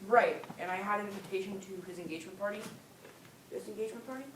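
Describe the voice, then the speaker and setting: A woman's voice: mid-range voice, fast, close to an everyday voice. A woman playing a cheeky, dim, literal-minded minder in a stage comedy. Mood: matter-of-fact. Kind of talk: live stage comedy acting. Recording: echoey stage, distant mic, clear noise.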